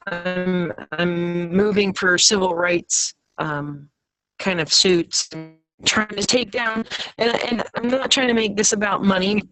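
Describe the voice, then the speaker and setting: A woman's voice: mid-range voice, fairly bright tone, poor audio. Woman caller, bad connection dropping in and out, hesitant restarts, faint music behind. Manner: halting, restarting words. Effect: breaking up, spotty call connection. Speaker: caller on a parent advocacy call. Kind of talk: casual call-in talk.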